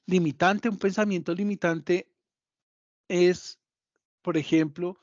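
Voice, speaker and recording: A man's voice: high voice, steady tone, slow pace, no room sound, muffled recording. A man giving a motivational psychology lesson, repeating key points and speaking directly to his listeners.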